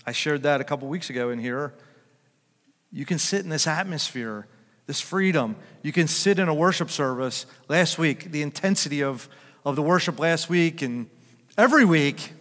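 An older man preaching a sermon as pastor, chatting and joking with his congregation, then rising to loud emphatic peaks. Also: a little high, expressive, normal speed, long reverb tail. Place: church sanctuary.

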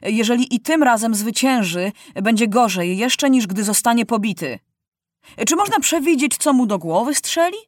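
A woman's voice: fairly high pitch, animated, moderate pace, no room sound, studio quality, voice pushed up. A woman reading aloud, voicing wealthy townsmen in council who complain indignantly about a reckless boy ruler.

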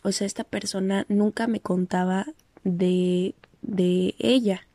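Mellow-voiced Mexican woman chatting. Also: mid-range voice, fairly even intonation, takes it slowly, dry recording. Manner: chatty, full of fillers and restarts. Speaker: podcast host. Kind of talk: casual personal monologue.

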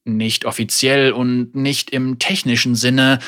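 A man's voice: medium pitch, flat delivery, a bit bright. Yasuo, a brooding swordsman, read by a narrator. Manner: terse, halting. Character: brooding male wandering swordsman, rough and bitter.

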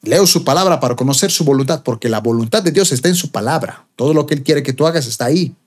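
A man preaching a sermon with emphatic delivery that climbs to high, stressed peaks. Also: expressive, quick pace.

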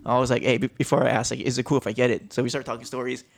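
A man with a light tinge chats on a podcast in a loose, rambling way. He swears casually and laughs often, acting out the lines of people in his stories. His voice sits at an ordinary middle pitch. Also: flat delivery, rapid-fire, creaky. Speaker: podcast co-host. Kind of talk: casual chat.

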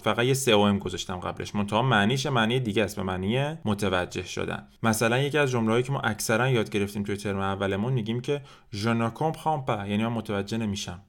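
Podcast French teacher, a man with a low voice and Persian as his first language, who explains quickly and drills phrases slowly.

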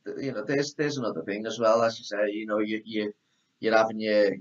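Male host, trainer, low relaxed voice, casual, muffled lo-fi recording. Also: fairly quick. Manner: relaxed, repeats words, lots of "like". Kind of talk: casual podcast chat. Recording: dull lo-fi audio.

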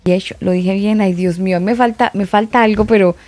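A woman's voice: mid-range voice, fairly even intonation, fairly quick, a little mellow, no echo. A woman hosts a casual online talk show. She keeps things light and playful, often laughing between remarks. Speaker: host. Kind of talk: casual chat.

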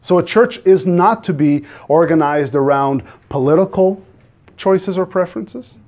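Preaching as a guest, this Azorean man speaks with a Portuguese accent, Portuguese being his native tongue. His high-sitting voice comes through a muffled recording as he works through the sermon earnestly and haltingly, restarting often and questioning the congregation.

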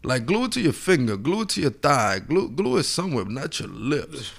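A man's voice: mid-range voice, sing-song, a little fast, vocal fry. A man co-hosting a podcast in casual, slangy frat-bro banter. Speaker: podcast co-host.

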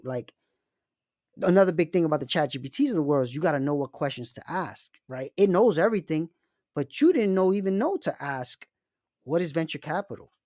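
A man's voice: on the high side, a little mellow, no room sound, clean studio sound. A man hosting a casual personal finance talk, speaking emphatically and turning to the listener with frequent asides. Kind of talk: casual monologue with storytelling.

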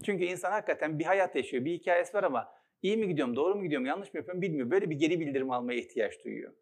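A man's voice: on the high side, lively intonation, racing. A middle-aged man, a psychologist and author, giving a reflective storytelling talk full of anecdotes. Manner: reflective, anecdotal, warmly earnest.

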